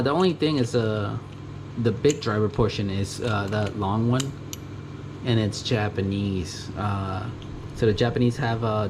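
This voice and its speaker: Recorded on a GoPro at a junkyard in Japan, a lowish-voiced tool vlogger casually walks through his tools, stumbling over ums, restarting, correcting himself and chuckling. He was born in the US and comes from a Mexican family. A loud AC hum runs under the noisy camera sound.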